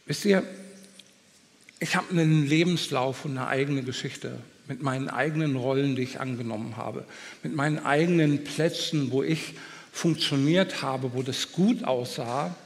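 A man's voice: on the high side, vocal fry. A man preaching a sermon, emphatic and addressing listeners directly, his articulation impeded and slightly slurred as if his jaw is braced. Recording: long hall reverb.

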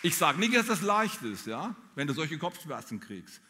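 A man preaching a sermon, talking straight to his listeners in an animated way. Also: a little high, moderate pace, big-room sound, a faint crowd. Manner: animated, addresses listeners directly. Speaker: pastor.

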